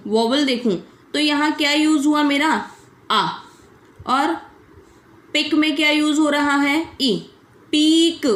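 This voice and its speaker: High-voiced woman teaching in a roomy space. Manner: explains step by step, asking and answering her own questions; mixes English terms into her explanations. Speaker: shorthand teacher. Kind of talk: online classroom lesson.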